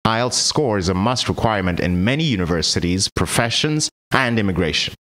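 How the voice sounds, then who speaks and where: In a scripted training explainer, a man with a low, slightly bright voice narrates. He works through the material point by point, measured and orderly, like an instructional voice-over.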